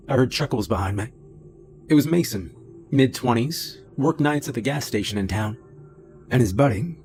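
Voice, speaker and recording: A middle-aged man narrating a first-person horror story in a low, steady, deliberate way. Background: faint music.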